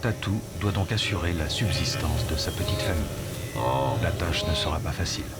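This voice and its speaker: A man reading scripted nature documentary narration in a measured, explanatory storytelling manner. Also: deep voice. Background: music under the voice.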